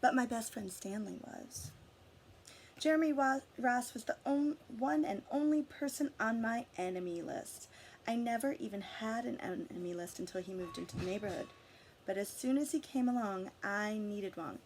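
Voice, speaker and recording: An adult woman with a higher voice reads a picture book aloud to children, telling the story expressively with dramatic emphasis and drawn-out words. She adds asides and asks her listeners questions. Slight background noise is audible.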